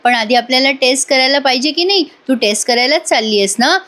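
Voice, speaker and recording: A woman voicing a kind, trusting young trainee doctor in a soft, reassuring way. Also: high voice, quick pace. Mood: gentle.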